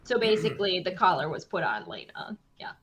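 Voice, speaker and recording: A woman chatting casually as a player in a tabletop game, animated and often correcting herself. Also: fairly low pitch, fairly quick, a little hiss or hum.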